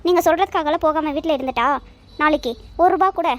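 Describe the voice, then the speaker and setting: A woman's voice: high voice, fast talker, close to an everyday voice. A woman voicing a firm, indignant cartoon working wife who argues back. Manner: firm, arguing.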